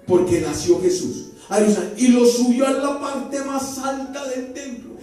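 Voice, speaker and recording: A man's voice: extremely high pitch, fairly even intonation, normal speed, dark tone. A man preaching a sermon as pastor, talking conversationally and throwing rhetorical questions at his congregation. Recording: very echoey church hall from far off, faint music.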